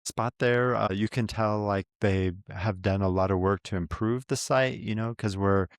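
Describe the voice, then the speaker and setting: A man with a fairly low voice speaks in an easygoing, thoughtful way as co-host of a travel vlog. He explains things at length in casual chat, and the recording is dry and close. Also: fairly even intonation, moderate pace, smooth, dry recording.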